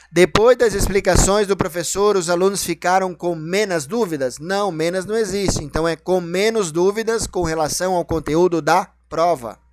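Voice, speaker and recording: A man's voice: high voice, no echo. A man teaching a grammar lesson, explaining each rule and then asking and answering his own questions.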